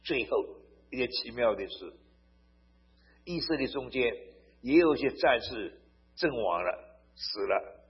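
A man preaching a sermon. He tells stories to make his points, turns emphatic and swells loud on key phrases, and often asks his listeners "好不好?". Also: medium pitch, expressive, a little slow, pauses often, breathy edge. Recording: dull lo-fi recording.

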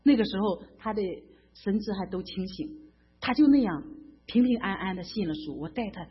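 On a dull, lo-fi recording, a church member from mainland China, a middle-aged woman, offers a fervent and emotional faith testimony. Her husky voice is medium-pitched with lively intonation at a moderate pace, and she often stammers and repeats herself.

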